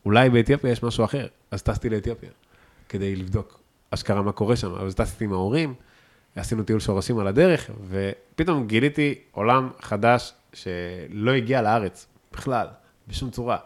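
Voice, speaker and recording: A man with an Israeli accent chatting casually as an interview guest, enthusiastic and emphatic, repeating words for stress. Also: fairly low pitch. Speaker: podcast guest, chef.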